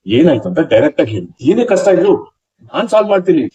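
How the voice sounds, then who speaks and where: A young husband in a TV serial, blunt and teasing, pushing for answers with mock-serious jabs. His voice sits a little high for a man, heard through dull, lo-fi TV audio. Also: very animated, fast talker, dark tone. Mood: prying. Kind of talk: TV serial acting.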